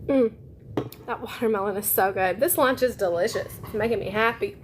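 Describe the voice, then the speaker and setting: A live-stream host eats lunch while chatting upbeat with her viewers in a casual way. Her voice is on the high side and fairly quick, over a noisy background.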